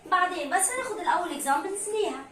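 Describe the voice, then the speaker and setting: A young woman with an Egyptian accent giving a phonics lesson for children, repeating each sound and word slowly and mixing two languages like a patient teacher. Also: very high voice, expressive, recorded from a distance, a crowd in the background. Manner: slow, drawn-out teacherly repetition, mixing languages. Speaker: English teacher. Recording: echoey room with faint background noise.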